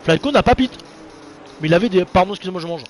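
A young race commentator and streamer gives casual, excitable live commentary on an online racing league. He chats to his viewers in slangy, informal language, speaking fast in a high voice.

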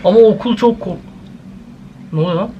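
A young man with a Turkish accent hosts a casual reaction vlog from his home, his voice sitting high for a man. He talks straight to his viewers and yelps excitably when something jumps out. A faint hiss of room ambience runs behind him. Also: fairly quick, dull audio. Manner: excitable, jumpy, exclaiming at scares; addresses viewers directly. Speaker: YouTuber host. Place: at home, indoors. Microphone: camera set up in the room.

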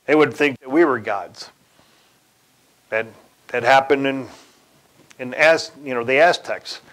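A man giving a sermon in a deliberate way, pausing, correcting himself and chuckling now and then. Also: mid-range voice, fairly bright tone, low-quality recording. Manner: slow, deliberate delivery with occasional chuckles and self-corrections. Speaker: church speaker.

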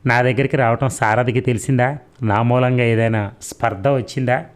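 A man reading the part of a caring young man who speaks slowly and softly to comfort his cousin. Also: medium pitch, steady tone, lightly acted. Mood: gentle.

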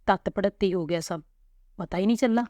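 A woman doing a soothing village mother, a bit higher. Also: a little fast, warm tone, no room sound, close to an everyday voice. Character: gentle, soothing middle-aged mother.

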